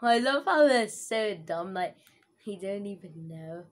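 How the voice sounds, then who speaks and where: A woman talks through her gameplay in a relaxed, unhurried way, her pitch sitting right in the middle. She giggles often and tosses in internet slang as she goes. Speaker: gaming video host. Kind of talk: casual gameplay commentary.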